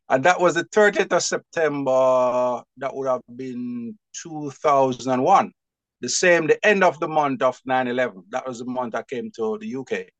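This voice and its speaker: A man with a Jamaican accent, chatting as an interview guest, lively and quick to laugh. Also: medium pitch, dry recording. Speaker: guest, publisher. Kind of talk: casual interview chat.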